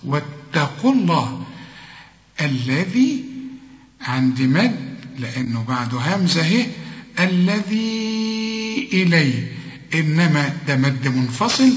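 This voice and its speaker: An Egyptian man gives a recitation lesson in a somewhat high voice. He draws each word out slowly, then explains and corrects it. The room is echoey with a long reverb tail, and the recording sounds dull and lo-fi. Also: a bit bright. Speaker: Quran recitation teacher. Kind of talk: tajweed lesson.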